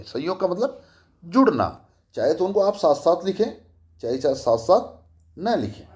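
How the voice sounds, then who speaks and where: A middle-aged male college teacher giving a grammar lesson in a slightly high, mellow voice. He speaks very slowly and deliberately. He repeats every example and keeps asking his listeners questions. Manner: slow, repeats each example and asks rhetorical questions. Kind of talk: grammar lecture.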